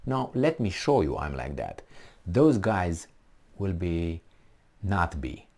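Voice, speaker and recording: In a low voice and at an unhurried pace, a Romanian-born man offers defiant, blunt takes on politics. His delivery is loose and animated, with plenty of fillers and false starts.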